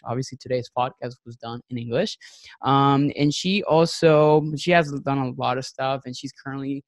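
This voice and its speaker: A man's voice: mid-range voice, no room sound. A man from Venezuela, a nutrition coach hosting a podcast, talking casually with many ums and restarts. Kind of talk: casual podcast introduction and interview.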